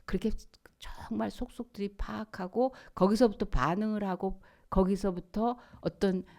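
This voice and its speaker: A woman pastor preaching a sermon in a church. She talks in an animated way, acts out the voices of people in her examples, and drops to a hushed near-whisper for emphasis. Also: mid-range voice, normal speed, vocal fry.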